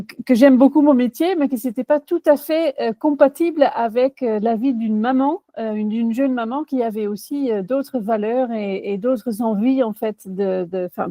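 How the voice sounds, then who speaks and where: Answering interview questions, a career coach in her forties speaks with a Dutch accent in a slightly high, warm voice; she's from the Netherlands. Her replies are hesitant and full of fillers and restarts, captured in a dry recording.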